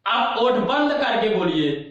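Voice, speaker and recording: A man teaching an online class, asking questions and answering them himself, repeating key terms and slowly demonstrating sounds. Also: sits high, sing-song, a bit bright. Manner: slow, drawn-out demonstration of sounds. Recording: very echoey, dull lo-fi room recording.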